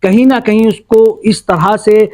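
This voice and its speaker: A man's voice: high voice, fairly even intonation, unhurried, dark tone, slight background noise. Male reporter leading an interview. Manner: leading questions, restates answers. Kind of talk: field news interview.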